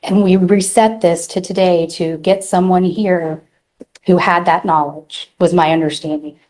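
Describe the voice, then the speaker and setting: A woman's voice: on the low side, fairly even intonation, measured pace, a little mellow. A woman defense attorney arguing methodically before a judge, heard in a courtroom recording. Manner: formal, methodical, presses point by point. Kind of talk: courtroom legal argument.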